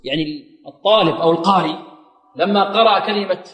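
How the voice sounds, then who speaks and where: A man with a high voice leads a recitation lesson, posing questions to his listeners and then answering them himself. He stretches words out slowly and repeats them so they can be imitated. The recording rings with the long reverb of a large hall. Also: fairly bright tone. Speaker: Quran recitation teacher.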